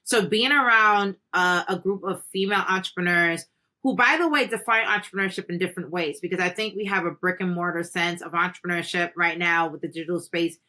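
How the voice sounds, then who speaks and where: A woman raised in the Caribbean speaks as an interview guest, earnest and motivational. Her voice is bright and forceful, pitched a little low for a woman. She fills her talk with "you know" as she builds her points. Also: a little fast. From Caribbean, Haiti. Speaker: podcast guest, entrepreneur. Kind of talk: conversational interview.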